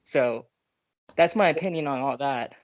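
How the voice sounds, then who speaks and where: A man's voice: medium pitch, moderate pace, no room sound, dull audio. A man appearing as a podcast guest, talking bluntly in a casual political discussion over a video call and often cutting in. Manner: blunt, interjecting.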